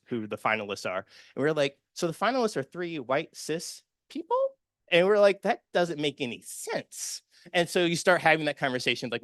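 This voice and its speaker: Male conference speaker, earnest and personal, bright tone, dry close sound. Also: medium pitch, no room sound. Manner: earnest and personal, many fillers and restarts. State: emotional, near tears. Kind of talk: conference presentation with slides.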